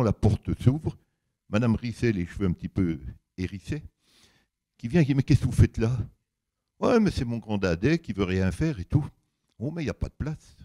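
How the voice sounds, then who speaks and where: An older man with a big, deep voice gives an anecdotal public talk full of animated storytelling. He's colloquial and emphatic, acting out the reported dialogue as he goes.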